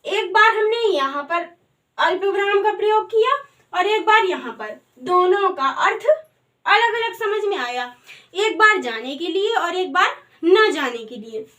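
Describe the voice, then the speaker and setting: A woman's voice: extremely high pitch, animated, unhurried, sharp tone. A woman teaching a grammar lesson in a patient way, asking the class questions and answering them herself.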